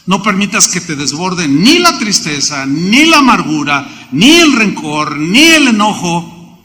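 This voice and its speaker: A man preaching a sermon as pastor, animated and putting rhetorical questions to the congregation. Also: high-pitched, big-room sound.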